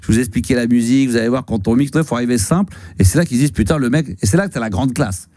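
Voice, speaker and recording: This radio call-in host, a man in his fifties, talks at a racing pace in a mellow, mid-range voice. His casual conversation with a caller rambles with plenty of fillers and restarts, captured as clean, echo-free studio sound.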